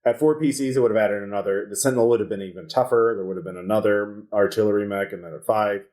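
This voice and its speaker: Man, game master, casual post-game chat, relaxed, hesitant, slightly low voice. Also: fast talker. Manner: relaxed, hesitant, many fillers.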